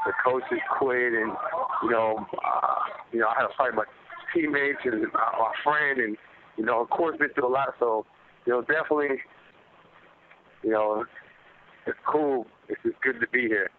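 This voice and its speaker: A professional fighter on a media conference call answers questions by phone in a slangy, repetitive, conversational way. His voice is medium-pitched and steady at normal speed, heard through a narrow telephone line with faint noise.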